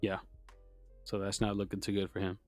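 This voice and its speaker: A man's voice: on the low side, monotone, a little fast, music in the background. A man co-hosting a podcast, talking casually with slang and teasing his co-host in a mock-dejected way. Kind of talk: casual sports chat.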